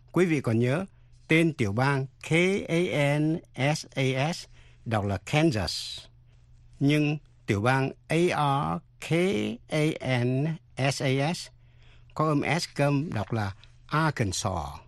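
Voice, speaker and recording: A man's voice: mid-range voice, dry recording, clean studio sound. A man hosting a radio language lesson, carefully spelling out words letter by letter. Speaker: English teacher and radio host.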